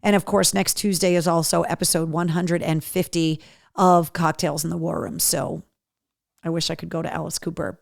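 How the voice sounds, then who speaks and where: Years of talking have left this middle-aged radio and podcast host's voice deeper and worn-in. She runs through concert and event announcements in an upbeat, chatty style, full of ums. The recording is clean studio sound with no room echo.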